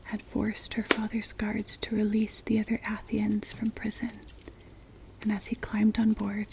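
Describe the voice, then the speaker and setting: A woman narrating a story for ASMR in a breathy, unvoiced whisper, gentle and measured, close to the mic. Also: medium pitch. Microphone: close mic, ear-to-ear ASMR. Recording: clear background noise, clicks. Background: crackling fire.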